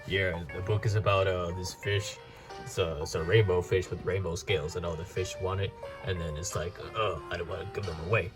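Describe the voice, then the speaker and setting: A man voicing an author who pitches his book in an unnaturally deep, droning voice. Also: fairly even intonation, fairly quick, music in the background, close to an everyday voice. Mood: flat. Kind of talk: comedic skit acting.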